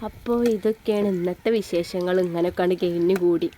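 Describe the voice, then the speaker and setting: A woman's voice: fairly low pitch, steady tone, brisk, slight background noise. A woman, chatting casually to her viewers in a family vlog. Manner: chatty, addresses viewers, ends remarks with soft tags. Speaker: family vlogger.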